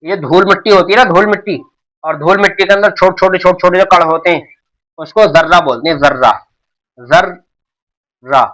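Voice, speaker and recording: A man's voice: high voice, fast, a bit bright, low-quality recording. A middle-aged man teaching a beginners' alphabet lesson, explaining patiently and repeating himself often. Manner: patient, repetitive explaining with many restarts. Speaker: Urdu teacher. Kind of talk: classroom-style alphabet lesson.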